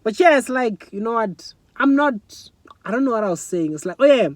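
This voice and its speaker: Young south african guy vlogging into his phone, earnest and emotional, pitch jumps around a lot, dry close sound. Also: lively intonation, fairly quick, no echo. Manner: earnest, emotional, repeats "you know what I'm saying". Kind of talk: personal reflective monologue. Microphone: phone front camera.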